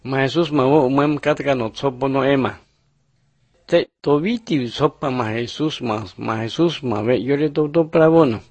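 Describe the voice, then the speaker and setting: A man narrating numbered Bible picture lessons in a steady, measured reading style. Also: medium pitch, no room sound. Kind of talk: scripted religious narration.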